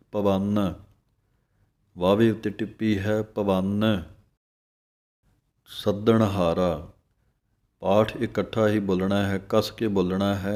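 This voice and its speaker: ਹੌਲੀ, ਸਪਸ਼ਟ ਪਾਠ ਸਿਖਾਉਂਦਾ ਆਦਮੀ. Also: male voice, fairly low pitch, darkish tone. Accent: Punjabi. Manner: slow, drawn-out recitation alternating with explanation. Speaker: religious teacher. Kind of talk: slow pronunciation lesson.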